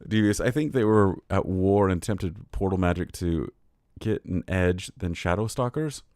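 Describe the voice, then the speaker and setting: A man's voice: deep voice, normal speed, darkish tone, no echo, studio quality. A tired man hosting a casual livestream, reading lore aloud and chatting, often laughing and getting sidetracked. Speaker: streamer host.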